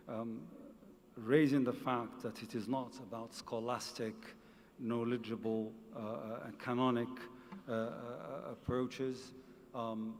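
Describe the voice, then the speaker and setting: A man chairing a conference session, speaking formally and haltingly, with many fillers. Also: mid-range voice. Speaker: session moderator. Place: large conference hall. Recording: long reverb of a conference hall.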